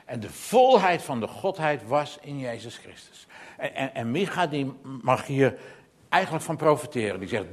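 A man preaching a sermon, earnest and emphatic, often repeating words as he goes. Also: a little high.

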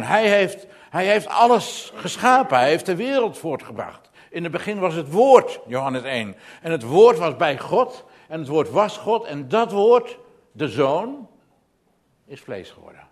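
A man's voice: on the high side, big pitch swings, unhurried. A man preaching a sermon, earnest and emphatic, often repeating words as he goes.

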